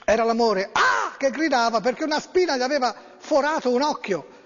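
Chatty radio guy, lots of ums, kinda high voice, muffled sound. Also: big pitch swings, a little fast, fairly bright tone. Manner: rambling, hesitant, full of fillers. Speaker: radio host. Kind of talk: casual radio chat and reading aloud. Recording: dull lo-fi sound with long reverb.

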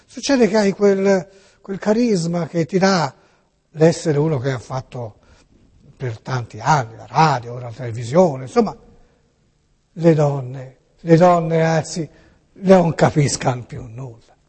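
A middle-aged man hosts in a loose, joking monologue, teasing his listeners and stumbling playfully over his own words. His voice sits a little high for a man. A long reverb trails behind every phrase, as in a big hall. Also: unhurried, darkish tone, husky. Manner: playful and teasing, many "eh" fillers and restarts. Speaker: radio and TV host.

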